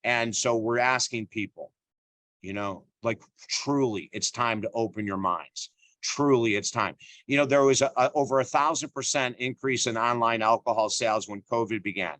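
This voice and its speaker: A man's voice: medium pitch, normal speed, a bit bright, dry recording. A middle-aged man, an author speaking as an interview guest, talking emphatically and earnestly with lots of "you know" fillers and repeated phrases. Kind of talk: conversational interview.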